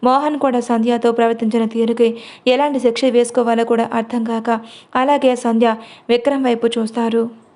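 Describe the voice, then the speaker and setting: Woman narrating a storybook, fairly high voice. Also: little pitch movement, normal speed, darkish tone.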